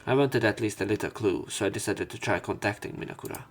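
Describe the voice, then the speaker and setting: Game music fills the background as a man reads visual novel narration aloud for a let's play. He talks fast at a fairly low pitch and sometimes stumbles or repeats himself.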